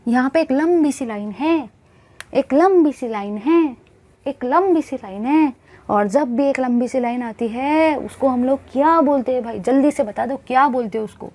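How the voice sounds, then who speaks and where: High-voiced woman teaching chemistry. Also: normal speed, a little mellow. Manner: repeats questions and answers them herself, coaxing; addresses students as bhai and guys. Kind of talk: classroom lecture to students.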